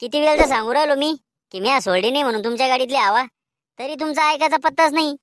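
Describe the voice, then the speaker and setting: A woman's voice: high-pitched, quick pace, dry recording, clean studio sound, lightly acted. A woman voicing cheeky, quarrelsome village schoolboys in a cartoon, with a Khandeshi Marathi accent and a whiny, bickering manner. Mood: exasperated. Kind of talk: cartoon voice acting.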